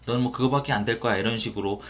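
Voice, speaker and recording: A man's voice: medium pitch, very fast, a bit bright. A man hosting an English listening lesson, who repeats English phrases word by word and explains them in a casual teaching manner with frequent fillers.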